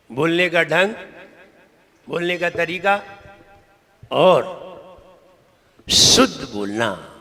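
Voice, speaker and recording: A Jain monk teaches recitation in a temple hall, giving a sermon-style pronunciation lesson where he teases listeners and repeats words to drill them. His voice is a little high with a fairly bright tone, and the hall adds long reverb.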